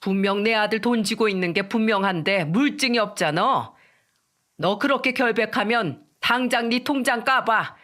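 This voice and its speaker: A woman's voice: medium pitch, normal speed, natural voice. A woman voicing a furious domineering mother-in-law. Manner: shouting, accusing, harsh.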